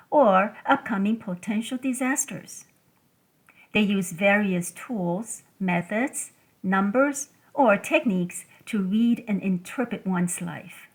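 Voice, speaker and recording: A woman from Taiwan hosts a scripted solo talk in English. She speaks in a measured, deliberate way and sets out her points one at a time. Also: medium pitch, rough recording. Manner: measured, deliberate delivery listing items one by one. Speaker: podcast host.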